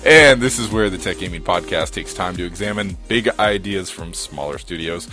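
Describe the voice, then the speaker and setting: A man's voice: low voice, moderate pace, pushed and bright, soft background music. A man hosting a casual gaming podcast, playful and digressive, often breaking into laughter. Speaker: podcast host. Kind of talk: casual podcast chat about games.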